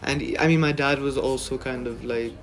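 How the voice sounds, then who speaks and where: A man's voice: mid-range voice, fairly even intonation, normal speed. A young man from Pakistan, interviewed in casual conversation, talking hesitantly with many fillers and restarts. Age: young adult.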